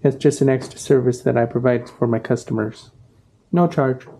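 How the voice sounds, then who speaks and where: Middle-aged male craftsman, very dark warm tone, plain practical explainer. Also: mid-range voice, steady tone, normal speed, slight background noise. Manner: plain, practical explaining with fillers and self-corrections. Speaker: auto upholsterer teaching his craft. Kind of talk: casual workshop tutorial. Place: upholstery workshop indoors.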